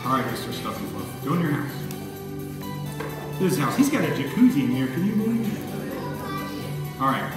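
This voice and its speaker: A man's voice: fairly high pitch, big pitch swings, fairly quick, pauses often, distant mic. A man performing live comedy magic patter like a kids' party magician, playfully bumbling and coaxing his audience along. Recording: echoey hall from afar, loud music.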